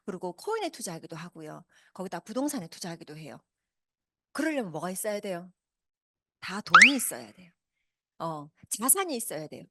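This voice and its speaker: Animated woman in her fifties pitching. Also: fairly quick. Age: 50s. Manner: animated, asks the audience many questions. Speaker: business presenter. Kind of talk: motivational seminar talk. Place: meeting hall with a live audience.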